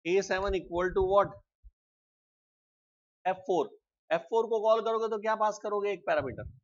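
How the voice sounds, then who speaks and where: In a live coding class, a man with a high voice walks students through the material step by step, often pausing to ask quick questions that check their understanding. The recording sounds muffled.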